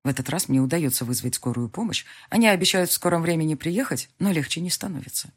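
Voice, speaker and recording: Husky-voiced woman narrating an audiobook. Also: sits low, quick pace. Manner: expressive storytelling. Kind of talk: first-person audiobook narration.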